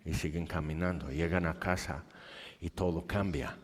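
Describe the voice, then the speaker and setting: A man's voice: deep voice, steady tone, moderate pace. A man with a Mexican accent preaching a sermon at a convention, animatedly acting out the scenes of the story he tells. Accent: Mexican Spanish. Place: large hall. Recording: long hall reverb.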